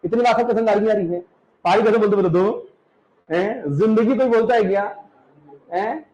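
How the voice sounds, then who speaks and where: A male teacher from the Uttarakhand hills gives a classroom lecture, repeating words slowly for students to copy and often checking that they understand. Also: high voice, mellow, highs cut off.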